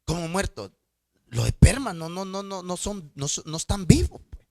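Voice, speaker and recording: A middle-aged man preaching a storytelling sermon as a pastor, swinging from loud outbursts to hushed asides and stammering repetitions. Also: high voice, big pitch swings, normal speed, gravelly, dry recording, clean studio sound. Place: church.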